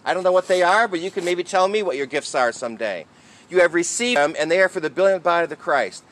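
Bright-voiced man preaching as a priest. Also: high-pitched, animated, quick pace, poor audio. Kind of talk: sermon and liturgical reading at Mass.

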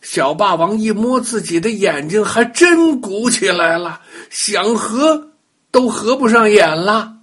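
An older man narrating a bedtime story for children, talking lively and speaking directly to the young listeners. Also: high-pitched, takes it slowly, husky.

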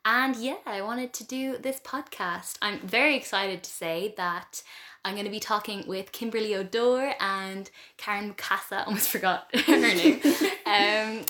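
A nineteen-year-old woman hosts a student radio podcast in a casual, friendly chat. Her voice is bright and sharp, and she fills her talk with ums and likes. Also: medium pitch, a little slow. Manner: chatty, many ums and likes. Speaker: podcast host.

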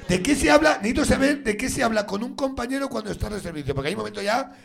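A man hosting a live comedy game show, teasing his guests with rapid, rambling banter and laughing at his own jokes. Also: very high-pitched, expressive, vocal fry, slightly rough. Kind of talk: joking live banter with the audience. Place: stage in front of a live audience. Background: audience laughing.

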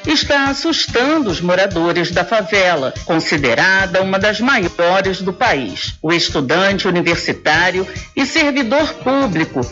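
A woman's voice: medium pitch, fairly bright tone, muffled recording. A woman with a Brazilian accent reading a scripted news report as a reporter.

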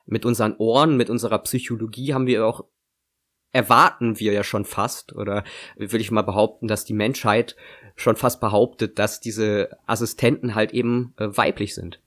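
A man's voice: fairly low pitch, steady tone, moderate pace, fairly bright tone. A young man co-hosting a casual podcast, talking with lots of fillers and restarts. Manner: hesitant, many fillers and restarts. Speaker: podcast co-host.

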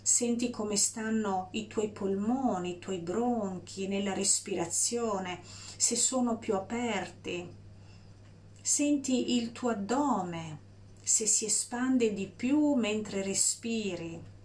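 A woman guiding a breathing meditation in a slow, soft, soothing voice with long pauses. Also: mid-range voice. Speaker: meditation guide.

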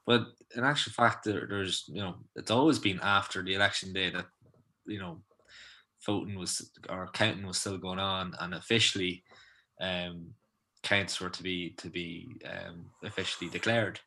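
A man with a low voice and a bright, clear tone joins a casual chat. He speaks hesitantly, pausing and restarting as he goes. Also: fairly even intonation. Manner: halting, hesitant.

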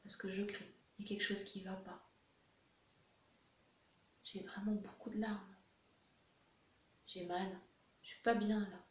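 A woman voicing a distressed crying baby in her own soft voice, in an echoey room with faint hiss. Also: medium pitch, level tone, measured pace, pauses often, close to an everyday voice. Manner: soft first-person voicing of the baby, plain voice.

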